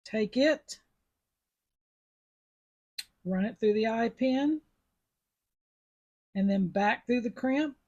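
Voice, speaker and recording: Husky woman doing a chatty beading tutorial, kinda high voice. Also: drawn-out words, long pauses, darkish tone, muffled recording. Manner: chatty, step-by-step instructions. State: sucking a mint after coughing. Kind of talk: casual craft tutorial.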